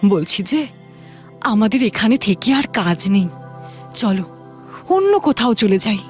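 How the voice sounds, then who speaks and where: A woman voicing a poor farmer's steadfast, reassuring wife in a cartoon, coaxing gently but firmly. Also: medium pitch, expressive, unhurried, faint music behind, natural voice. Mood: gently resolute. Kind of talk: cartoon dialogue.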